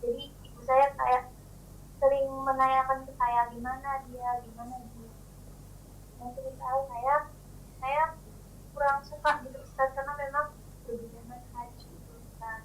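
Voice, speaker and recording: A woman's voice: high-pitched, level tone, moderate pace, long pauses, fairly bright tone, slight background noise. A young woman calling in with a question, hesitant and full of fillers, her voice choppy, breaking up and sounding far from the mic. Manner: hesitant, with many fillers and restarts. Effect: choppy, breaking-up call audio; distant, off-mic sound. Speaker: caller asking a question. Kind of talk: casual call-in question.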